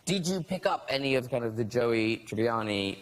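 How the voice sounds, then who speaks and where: A man's voice: mid-range voice, animated, moderate pace. A man hosting a television chat show, teasing and giggling as he interviews his guests. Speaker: talk show host. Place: television studio with audience. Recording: loud background noise.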